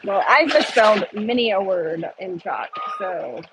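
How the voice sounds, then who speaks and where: A woman's voice: medium pitch, expressive, a little slow. A woman chatting casually and in a folksy way to her viewers as a livestream host, outdoors beside a construction site. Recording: dull lo-fi mic, loud construction and wind noise. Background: construction site noise, vehicles, wind.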